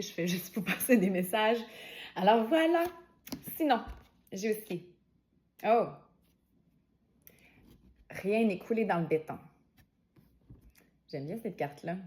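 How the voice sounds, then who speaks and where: A woman with a Québécois French accent talks through her oracle cards in an easygoing, conversational way. She keeps her pitch in a middling range and tosses in informal asides as she goes. Her tone stays gentle and encouraging. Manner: chatty and informal, many fillers and asides. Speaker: oracle card reader. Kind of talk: casual spiritual guidance vlog.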